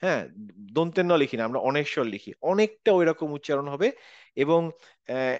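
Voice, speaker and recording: Brief: male teacher on a video call, fairly high and smooth voice, patient step-by-step explaining, dry slightly dull sound. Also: lively intonation, no echo. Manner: patient, explains step by step, models recitation slowly. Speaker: Quran recitation teacher. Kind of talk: online class teaching.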